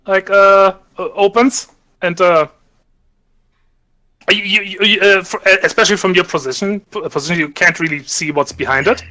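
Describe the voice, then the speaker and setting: A man narrating a tabletop role-play session as game master, halting with many restarts and fillers. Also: high voice, sharp tone.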